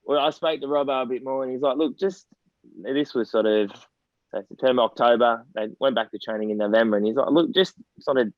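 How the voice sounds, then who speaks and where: A man's voice: medium pitch, fairly even intonation, fast, no room sound. Australian man, 40s, chatty storyteller guest, dry dull recording. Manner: rambling storyteller, laughs through anecdotes. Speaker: interview guest, former footballer. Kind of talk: casual podcast interview.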